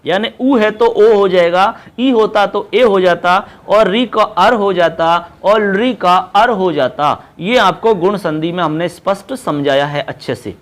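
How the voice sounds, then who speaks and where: A man's voice: high-pitched, unhurried, hardly any pauses. A man teaching Sanskrit grammar for an exam, explaining step by step and repeating key terms as he addresses his students as children. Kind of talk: exam-prep lesson.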